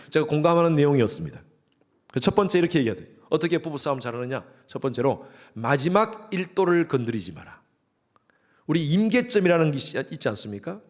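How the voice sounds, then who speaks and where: A man in his sixties preaching a sermon in church, lively and acting out quarreling couples. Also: fairly high pitch. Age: 60s. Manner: lively, acts out quarreling couples in quoted lines. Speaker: pastor.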